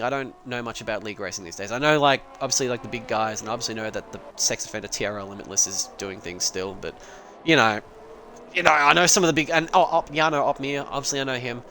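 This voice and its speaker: A man's voice: mid-range voice, a bit bright, slight background noise. A young man giving loose, rambling live commentary on an online sim race, joking and swearing as he goes. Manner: casual, rambling, swears and laughs.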